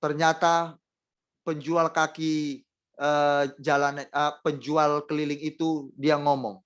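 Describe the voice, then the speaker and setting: A man preaching a sermon, speaking straight to the congregation and repeating phrases for emphasis, with emotional swings between loud and soft delivery. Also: fairly high pitch, level tone, slow pace, clear, resonant tone.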